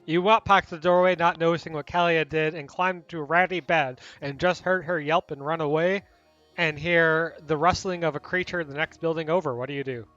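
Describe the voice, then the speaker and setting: Man, game master, bright voice, casual narration with fillers, a bit muffled. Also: fairly high pitch, steady tone, brisk, no room sound, soft background music. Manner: loose, conversational narration with fillers.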